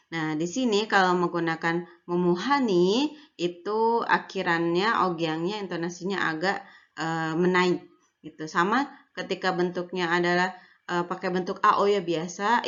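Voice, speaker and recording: A woman's voice: fairly low pitch, a bit bright. A young woman lecturer giving a recorded online lesson, explaining in a casual way with frequent fillers and tag words. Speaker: university lecturer. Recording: dull lo-fi audio.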